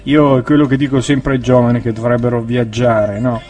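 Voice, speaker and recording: A man's voice: medium pitch, little pitch movement, brisk, a little mellow, soft background music. A man hosting a casual radio interview, asking short questions and giving many brief acknowledgements. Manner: brief friendly prompts, many short backchannels. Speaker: radio host.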